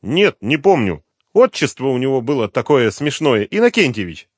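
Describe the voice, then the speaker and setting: A man's voice: sing-song, moderate pace, husky, dry recording, clean studio sound. A man reading an audiobook, voicing a brash, defiant young woman in her twenties who snaps and mocks. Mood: sullen. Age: 20s. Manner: shrill, snapping, mocking. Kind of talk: audiobook character voice.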